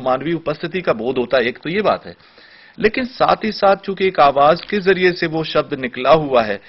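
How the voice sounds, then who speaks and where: A man explaining radio as an expert guest in a studio discussion, teacherly, giving spoken examples with deliberate pauses. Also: on the high side. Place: television studio. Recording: dull lo-fi broadcast audio.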